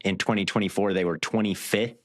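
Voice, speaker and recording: A man co-hosting a casual sports podcast, walking through stats with lively analysis. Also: low voice, a little fast, no echo, studio quality. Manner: stat-heavy, animated analysis. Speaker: podcast co-host.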